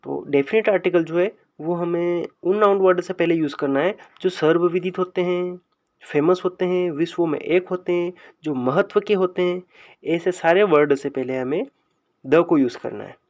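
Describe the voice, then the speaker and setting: A fairly high-voiced man talks through a grammar lesson at a patient, explanatory pace, and he stretches out his example sentences. The recording sounds dull and lo-fi. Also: moderate pace, darkish tone. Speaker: English grammar teacher.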